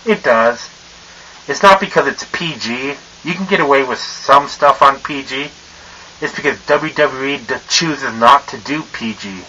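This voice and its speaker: A young man rants casually to camera, swearing freely and stumbling over his words between constant fillers. His voice has a bright, forceful edge even though a mask over his face muffles it. A faint hiss sits under the recording. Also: medium pitch, measured pace, dull audio. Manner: rambling and profane, with many fillers and stumbles. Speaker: vlogger.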